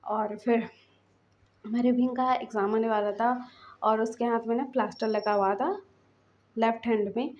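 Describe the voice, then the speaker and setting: A woman's voice: steady tone, normal speed, pauses often, darkish tone. A woman casually retelling a fan fiction story in a chatty way, acting out the quoted lines. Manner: chatty, acts out quoted lines with rising pitch. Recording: muffled lo-fi audio.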